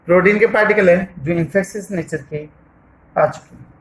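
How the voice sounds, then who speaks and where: Writing on the board while he speaks, a male teacher works through a lesson in Hindi sprinkled with English terms, asking himself questions, supplying the answers and saying "theek hai" again and again. The pace is slow and full of pauses. His voice sits high and a bit bright, captured on a rough recording.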